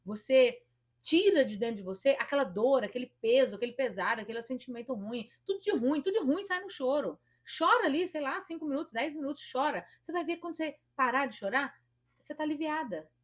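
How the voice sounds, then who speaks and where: A woman therapist with a Brazilian Portuguese accent gives direct-to-camera advice in a high-pitched, animated, slightly fast voice. She is emphatic and demonstrative, quoting her own inner voice.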